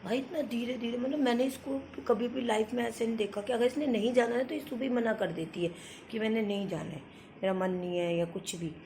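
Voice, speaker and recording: A woman's voice: a little high, fairly even intonation, brisk, dark tone, a little hiss or hum. A woman in her thirties vlogging at home with a phone camera, telling a long family story in a chatty way and acting out what everyone said. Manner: chatty storytelling, retells family talk in quotes. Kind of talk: casual home vlog chat.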